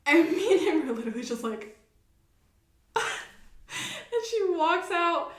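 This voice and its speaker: A young woman co-hosting a podcast, telling a workplace story in a lively, animated way with frequent laughs. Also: very high-pitched, takes it slowly. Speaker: podcast co-host. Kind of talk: casual chat. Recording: echoey room.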